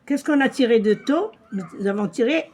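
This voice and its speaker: Woman teacher, patient, husky, animated pitch, repeats and explains slowly. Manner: slow, repeats words and gives translations. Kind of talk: patient reading lesson for a child.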